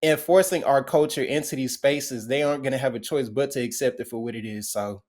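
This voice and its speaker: A man's voice: medium pitch, fairly quick. A young man with a Southern American accent, a guest talking earnestly and casually in an interview. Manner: earnest, relaxed, with many fillers. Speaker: guest athlete.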